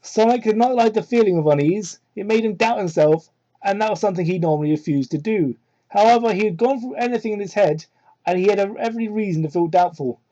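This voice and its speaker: This host speaks quickly in a dark tone as he dramatically mocks a piece of fan fiction, adding sarcastic, incredulous asides and exaggerated emphasis. The audio comes from a cheap microphone and sounds muffled and low quality.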